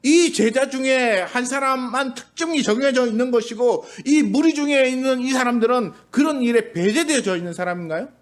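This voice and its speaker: A man's voice: very high voice, fairly quick, hardly any pauses. A man pastor giving a Sunday sermon in a church, talking in a conversational way and now and then acting out the voices he quotes. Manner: conversational preaching, briefly acts out quoted voices. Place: church sanctuary.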